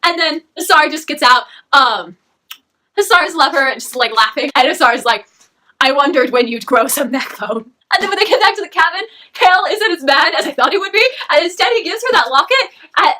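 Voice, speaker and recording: A young woman with a very high, bright, sharp-edged voice talks through a book review in a casual, excitable rush. She gushes, restarts her sentences and breaks into squeals, her high voice staying bright throughout. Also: brisk. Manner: excitable, gushing, rambling.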